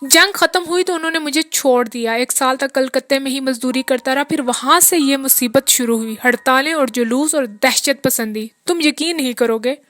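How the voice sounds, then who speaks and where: A woman's voice: sits high, moderate pace, hardly any pauses, a bit bright, faint music behind. A woman reading the part of a weary, peasant-born man who rambles through a long, rueful account of his hard years. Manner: long rambling confessional talk.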